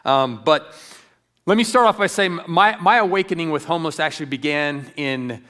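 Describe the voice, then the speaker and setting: A man's voice: on the high side, normal speed, fairly bright tone. A middle-aged man giving an earnest church training talk, telling stories with frequent ums and restarts. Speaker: ministry speaker.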